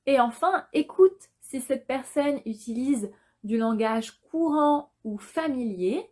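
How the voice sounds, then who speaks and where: A young woman teaches French in a slow, deliberate way. She repeats each example phrase so learners can copy it. Her voice sits a little high for a woman. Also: expressive, a little mellow. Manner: speaks slowly and carefully, repeats model phrases for learners. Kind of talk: slow, clear language lesson.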